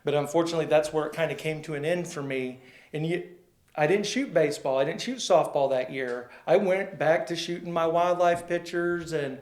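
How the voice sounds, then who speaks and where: A man tells long, rambling stories as a guest, slipping into the voices of the people he quotes. His voice sits a little high for a man. The room rings with a clear echo around him. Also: fairly quick, a little mellow. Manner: rambling, folksy, acts out quoted dialogue. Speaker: sports photographer guest. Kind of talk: casual storytelling interview. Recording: roomy echo.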